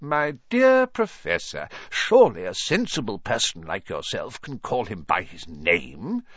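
A gentle old wizard as a male narrator plays him, unhurried and courtly, with a husky edge. His lines lilt expressively in a mildly whimsical storybook manner. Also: lowish voice, huge pitch swings, no room sound, lo-fi sound, full character voice. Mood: patient, reasonable. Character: calm, gentle, courtly old wizard headmaster, quietly amused.

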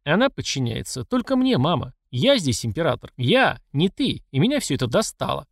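A man's voice: on the high side, sing-song, moderate pace, vocal fry, no echo, studio quality, full character voice. A man voicing a furious middle-aged emperor who scolds and accuses his mother. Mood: angry. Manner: angry and accusing.

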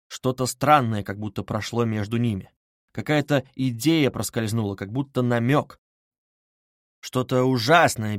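A man reading a novel aloud in a measured, even storytelling manner. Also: mid-range voice, no room sound, studio quality. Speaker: audiobook narrator. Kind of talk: scripted novel narration.

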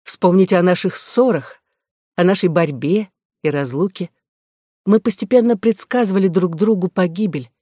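A reader voices a courtesan sister in a classic-style audiobook: scolding, sharp and reproachful, lecturing with pride about a life given over to pleasure. Her mid-pitched voice, near an ordinary speaking voice, moves at normal speed with rising emphasis. It's recorded close and dry, with no echo at all.

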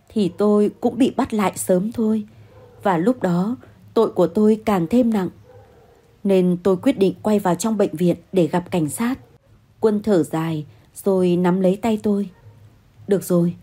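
A woman narrating a first-person audio story in a steady, earnest way. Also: mid-range voice, husky.

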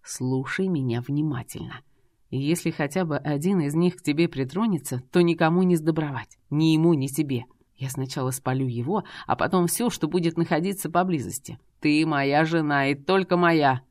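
A woman's voice: deep voice, normal speed, few pauses, darkish tone, no room sound, voice pushed down, natural voice. Woman voicing a growling dragon husband. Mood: menacing. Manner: growling, menacing. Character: brooding possessive male dragon husband.

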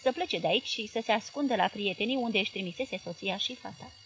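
A woman with a Romanian accent reading a literary novel as an audiobook narrator, in measured, clear narration. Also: mid-range voice, a bit bright, a little hiss or hum.

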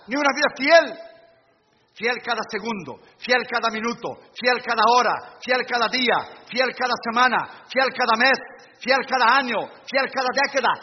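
A middle-aged man preaching a sermon as pastor, emphatic, with sudden loud bursts and hushed asides. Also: very high voice, moderate pace, slight background noise. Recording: dull lo-fi recording with long hall reverb.

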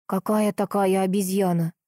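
A woman voicing a chatty elderly village woman, spry and sly, in a high quavering voice. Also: steady tone, moderate pace, dark tone, no room sound, clean studio sound, natural voice. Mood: folksy.

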